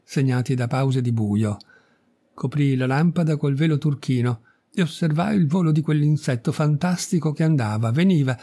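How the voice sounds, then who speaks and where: A man reading a classic short story aloud as an audiobook narrator, in a measured, expressive storytelling manner. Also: a little high. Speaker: audiobook reader.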